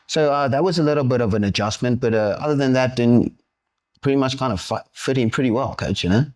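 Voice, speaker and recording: Young south african mma guy, mid pitch, laid back, keeps saying coach. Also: quick pace, a little mellow. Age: young adult. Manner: easygoing, keeps addressing his interviewer as coach. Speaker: professional MMA fighter, guest. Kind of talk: podcast interview.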